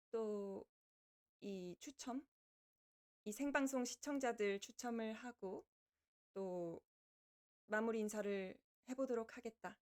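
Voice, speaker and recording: A woman's voice: fairly high pitch, a little mellow, natural voice. A woman voicing a kindly, lordly female reaper from the underworld who chats to livestream viewers in archaic speech. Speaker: virtual streamer hosting a debut live broadcast. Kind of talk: in-character livestream chat with viewers.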